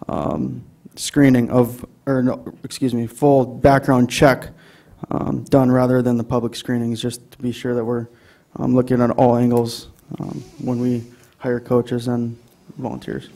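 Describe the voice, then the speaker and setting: A man's voice: medium pitch, level tone, a little slow, vocal fry, warm tone. A man with an Upper Midwest American accent presenting an item to a city council, with many ums and restarts. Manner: hesitant, many fillers. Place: council chamber.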